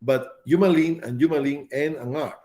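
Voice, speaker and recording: Mellow-voiced man lecturing a class. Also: on the high side, normal speed. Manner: repetitive, checks in with students often. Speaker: pharmacology lecturer.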